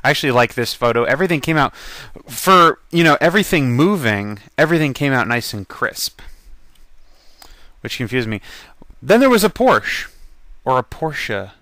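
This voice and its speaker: A chatty man talks his way through a slideshow of his trip photos, rambling along with plenty of ums and little laughs. His voice is smooth and clear, set at an ordinary pitch for a man. The recording is close and dry, with no room sound around it. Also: expressive, brisk, long pauses, sharp tone, no room sound. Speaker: vlogger narrating his convention photos. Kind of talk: casual photo slideshow narration.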